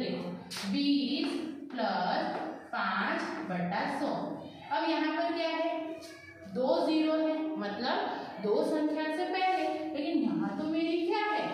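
High-voiced woman teacher in an echoey room. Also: slight background noise. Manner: asks pupils questions and answers them herself; slows down to read numbers digit by digit. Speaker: school math teacher. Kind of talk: classroom math lesson. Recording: echoey classroom, voice from far off.

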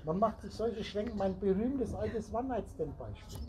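A man's voice: high voice, animated, normal speed, a crowd in the background, low-quality recording. Rambling man lecturing a small group. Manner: rambling, wordplay on word roots, addresses listeners directly. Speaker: spiritual teacher. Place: meeting room with a small group. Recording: recorded amid a chattering group.

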